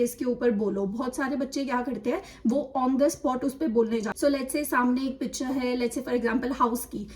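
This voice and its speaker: A woman's voice: high-pitched, a little mellow, far from the mic. A young woman giving chatty exam tips, switching between Hindi and English as she talks. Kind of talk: casual instructional talk.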